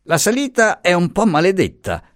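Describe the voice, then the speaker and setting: A man voicing a grown male lawyer who talks with a phlegmatic, teasing calm. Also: high voice, moderate pace, voice pushed up. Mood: mocking calm.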